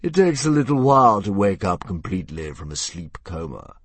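A vast old dragon, sleepy and sinisterly polite, stretching every word. His voice sits very low and a little husky, with sweeping rises and falls. A man acts him out in a storybook reading. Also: sing-song, no echo. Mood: smugly polite. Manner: slow, drawling, courteous menace.

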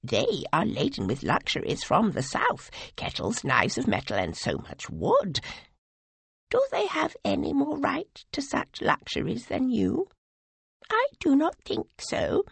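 A man voicing a small, scheming skull god who flatters and tempts, in a high, breathy, creaky voice. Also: unhurried, no room sound, heavily acted. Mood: wheedling. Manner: wheedling, tempting.

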